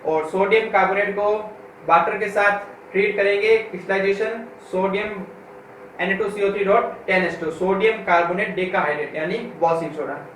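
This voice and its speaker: A male school chemistry teacher lecturing a class. His voice sits high, and he asks questions and answers them himself. The sound is very echoey and comes from a distance across the room. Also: fairly bright tone. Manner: reads English textbook lines slowly, word by word. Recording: echoey room from far off, with faint noise.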